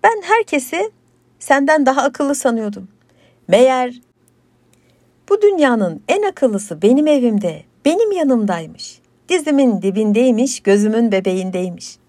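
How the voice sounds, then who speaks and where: A woman's voice: fairly high pitch, very animated, a little slow, a little mellow, dry recording, pitched above the performer's own voice. Woman doing a flustered old villager man. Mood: fond. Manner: nervous, flustered. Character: anxious, crafty old male villager.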